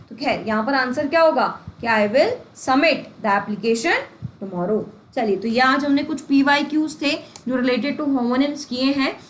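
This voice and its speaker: Her pitch is high as she tutors students for exams, blending Hindi and English and leaning on rhetorical questions and folksy examples. The roomy, echoey recording has faint ambience and a little background noise.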